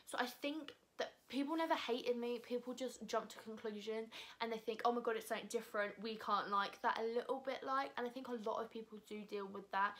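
A chatty British teen YouTuber with a bright, fairly high voice answers viewer assumptions in a casual vlog. Seated on a sofa in her living room, she gestures animatedly and says "like" and "um" a lot. The camera is in front of her at close range.

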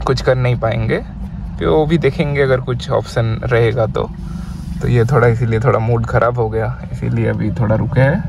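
A man giving casual, matter-of-fact road-trip updates while travelling in a car, talking in a relaxed, chatty way. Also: mid-range voice, gravelly. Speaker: travel vlogger. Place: inside a moving car on a highway. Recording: dull lo-fi car recording, loud road noise. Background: loud road and engine noise.

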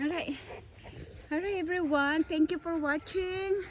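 A woman's voice: very high voice, steady tone, unhurried, background noise. A woman vlogging with her dogs, talking to them in a coaxing, sing-song way. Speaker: dog owner vlogger. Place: outdoors at home with dogs.

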